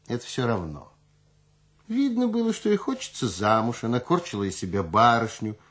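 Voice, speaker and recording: A man's voice: mid-range voice, sing-song, normal speed, fairly bright tone. Man putting on a shrewd old fortune-teller woman. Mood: nonchalant.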